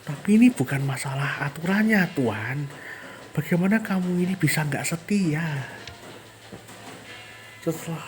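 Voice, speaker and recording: A man voicing a jealous, possessive young female kettle spirit in a fan dub of game dialogue, with accusing, shrill outbursts. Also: natural voice.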